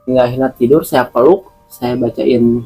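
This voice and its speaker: A man's voice: mid-range voice, fairly even intonation, normal speed, mellow, husky, soft background music, poor audio. A man guest in an interview, recounting a personal experience in a hesitant way, repeating words and using many fillers.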